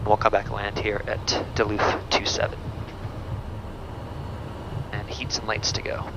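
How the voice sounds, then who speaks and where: Gravelly pilot on cockpit headset. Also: male voice, on the low side, completely flat delivery, unhurried. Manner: terse, clipped callouts. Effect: cockpit headset intercom. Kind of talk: checklist callouts. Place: jet cockpit. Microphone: headset mic. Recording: muffled cockpit headset audio with engine noise. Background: engine and cockpit noise.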